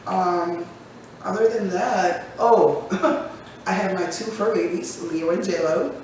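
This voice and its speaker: A woman's voice: fairly low pitch, slow, darkish tone, a little hiss or hum. A woman in her forties co-hosting a podcast in casual chat, joking and laughing often. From United States. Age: 40s. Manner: chatty, laughs often, jokes. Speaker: podcast co-host. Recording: echoey room from far off.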